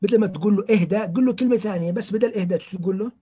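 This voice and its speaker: Guy teaching a class, high husky voice, muffled lo-fi sound. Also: racing. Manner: animated, quizzes students by name, acts out example dialogues. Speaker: trainer teaching patient counseling. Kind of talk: interactive lecture. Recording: muffled lo-fi recording.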